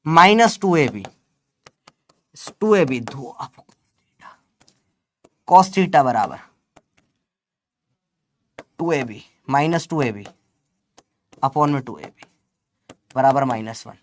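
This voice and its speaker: A man's voice: mid-range voice, lively intonation, drawn-out words, pauses often. A young man teaching physics in a chatty, teasing lecture. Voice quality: chatty, teasing, calls students beta. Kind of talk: classroom lecture with Gen Z slang.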